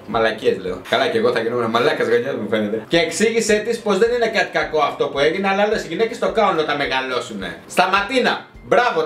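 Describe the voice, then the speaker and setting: A man's voice: high-pitched, a bit bright, reverberant. A young man hosting a comedy show, reading out online posts and mocking them with sarcastic asides. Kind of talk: comic reading of social media posts.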